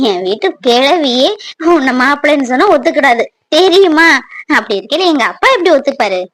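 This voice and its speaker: A woman playing a lively, playful village girl. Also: high voice, normal speed. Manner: playful and chatty, lively intonation. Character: young village girl, playful but wary of family. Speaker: actor in a family fan drama. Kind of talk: village romance drama acting.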